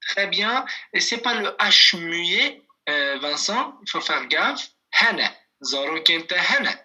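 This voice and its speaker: Slow, bright-toned patient language teacher. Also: male voice, high voice, big pitch swings. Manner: slow and patient, repeats phrases, calls on students by name. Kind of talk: online class teaching. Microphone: video call.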